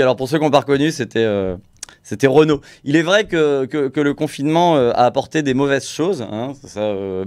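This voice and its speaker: A man hosting a live stream, chatting casually about music production and his own impressions, rambling and self-mocking. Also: mid-range voice.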